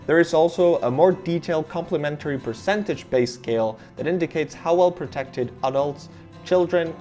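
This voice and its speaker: Narrating a car safety explainer in English, his second language after Spanish, an Argentinian car reviewer speaks with enthusiastic emphasis. His voice sits at medium pitch with a darkish tone.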